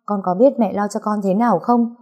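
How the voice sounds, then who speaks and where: A woman voicing a frantic, emotional young mother in a storybook reading, loud, scolding and tearful. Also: lowish voice, animated, normal speed, husky.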